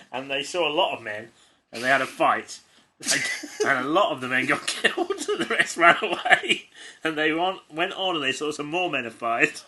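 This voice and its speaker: An English comedy podcast co-host reads a child's stories aloud, his voice a little high, animated and bright with a forceful edge at a moderate pace. Giggling throughout, he keeps stumbling over the text and breaking off to add amused asides.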